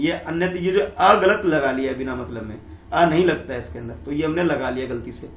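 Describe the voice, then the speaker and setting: A teacher explains exam questions, repeating himself and posing rhetorical questions as he goes. His voice is high-pitched and a bit bright, and the room is echoey.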